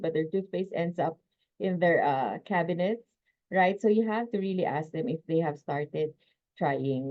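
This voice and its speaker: A woman's voice: lowish voice, narrow, tinny audio. Emphatic woman lecturing over a video call. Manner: energetic, emphatic, laughs between points. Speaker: sales trainer. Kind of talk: online training lecture.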